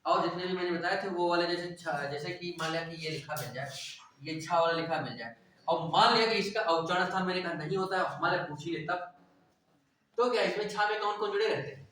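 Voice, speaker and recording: A man's voice: high voice, brisk, fairly bright tone, slight background noise. A male teacher giving a classroom lecture. He asks questions and answers them himself, and keeps checking that the class is following. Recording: echoey room, voice from far off.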